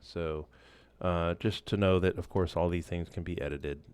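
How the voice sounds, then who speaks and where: Here a male instructor with a low, smooth voice explains a software tool at a moderate pace during an easygoing screen-share tutorial. The audio has no room sound, and his speech wanders with lots of fillers and restarts.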